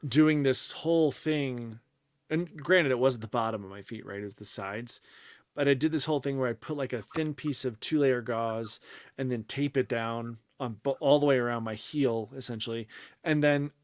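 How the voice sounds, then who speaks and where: A man's voice: medium pitch, no echo, clean studio sound. A man co-hosting a podcast, chatting casually and explaining things at length with lots of fillers and restarts. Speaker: podcast co-host. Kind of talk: casual chat.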